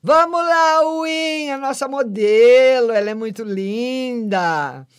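An older woman hosts a live call-in show, chatting warmly with callers, calling them "my lovely," and giving them readings. Her voice sits on the high side, lively in intonation, slow, a little mellow and clean, captured in a dry, studio-quality recording.

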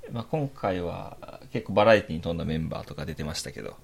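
A man's voice: deep voice, fast talker, gravelly, slightly rough. A young man with a Kansai accent, co-hosting a podcast in casual chat with dry, wry teasing. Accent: Kansai Japanese. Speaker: podcast co-host.

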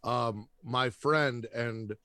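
A man's voice: mid-range voice, drawn-out words, pushed and bright, smooth, no room sound. A man bantering casually as a podcast host, with a wry, teasing manner.

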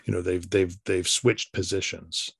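Male podcast host, low husky voice, halting and thoughtful in casual commentary. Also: level tone, no room sound, clean studio sound. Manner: thoughtful, halting, repeats words.

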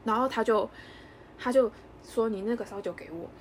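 A young woman co-hosting a casual podcast, telling a story in an animated way and acting out the lines of others. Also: on the high side, a little hiss or hum. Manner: animated storyteller, quick, acts out dialogue. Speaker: podcast co-host.

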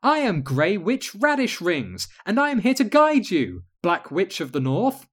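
A man's voice: high-pitched, big pitch swings, pitched above the performer's own voice, exaggerated voice. A man doing a dreamy, serene grey witch. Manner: slow, soft-spoken, serene.

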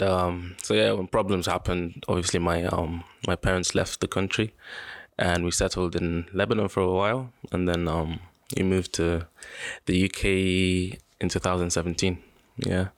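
A young man from Sudan speaks in a low, gravelly, fairly flat voice. He talks haltingly, filling gaps with ums and soft laughs. The recording is dry and close. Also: no echo. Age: 20s. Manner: hesitant, many "um"s, laughs often. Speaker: guest. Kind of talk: casual interview.

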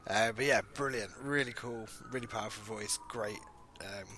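A man's voice: lowish voice, bright, forceful tone, slight background noise. A man co-hosting a music podcast, chatting casually and praising a song with enthusiasm. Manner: enthusiastic, praising, quick agreeing remarks. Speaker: podcast co-host. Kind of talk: casual chat.

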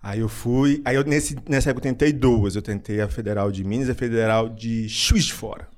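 Man, young adult, podcast guest, animated storyteller, laughs a lot, mid pitch. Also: brisk. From Brazil. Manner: animated, laughs often, repeats phrases while telling a story. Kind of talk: casual storytelling in an interview.

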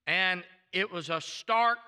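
An older man with a thick Deep South American accent, preaching in a folksy, emphatic, storytelling way as a pastor. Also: slow pace, bright, forceful tone, smooth. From southern United States. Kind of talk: sermon. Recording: reverberant hall sound.

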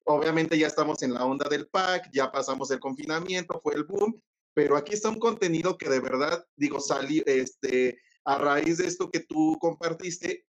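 A man's voice: a little high, poor audio. A man co-hosting a casual interview, commenting in a hesitant, thoughtful way. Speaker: co-host.

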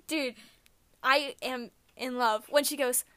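A young woman co-hosting a casual podcast, gushing about music like an excited fan. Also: high-pitched, takes it slowly. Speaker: podcast co-host. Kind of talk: casual chat.

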